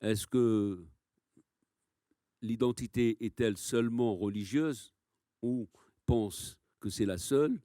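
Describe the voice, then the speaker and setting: Male conference panelist, didactic impromptu answers built on repetition. Medium pitch, dry recording. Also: slow pace, long pauses, dark tone, dry recording. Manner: didactic, repeats phrases, rhetorical questions.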